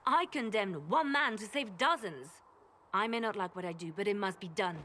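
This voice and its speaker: A woman's voice: medium pitch, animated, moderate pace, bright, forceful tone, slight background noise. An actress playing a cold, ruthless woman spymaster in a video game, clipped and commanding. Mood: stern.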